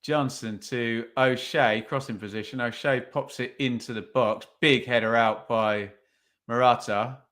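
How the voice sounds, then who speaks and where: A man's voice: medium pitch, fairly even intonation, unhurried, fairly bright tone. Chatty man commentating a match. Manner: chatty, thinks aloud with tag questions. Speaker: podcast host. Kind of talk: casual live watch-along commentary.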